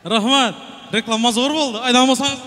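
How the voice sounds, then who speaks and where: Booming high-pitched male wedding announcer. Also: steady tone, brisk, pushed and bright, a faint crowd. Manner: projected, celebratory announcing to guests. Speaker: wedding master of ceremonies. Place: large wedding hall. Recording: reverberant hall PA over music. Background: music.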